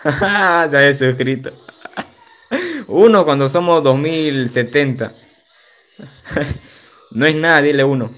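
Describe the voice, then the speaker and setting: A man's voice: mid-range voice, fairly bright tone. A young man, streaming a game and chatting casually with viewers, loose and slangy with frequent laughs. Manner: loose, slangy, reads chat aloud and laughs often. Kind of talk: casual livestream chat while gaming. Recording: faint music behind.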